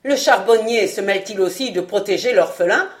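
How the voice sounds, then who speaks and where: A woman's voice: mid-range voice, brisk, natural voice. A woman voicing a cruel, ironic male ex-acrobat who mocks his dying foe, in a storybook reading. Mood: mocking. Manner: ironic, sneering.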